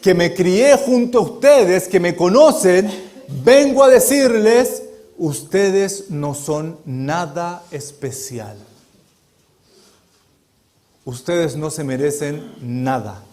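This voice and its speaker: A man voicing Jesus as a stern young man, who speaks slowly, gravely and with emphasis. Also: sits high, expressive, a little mellow.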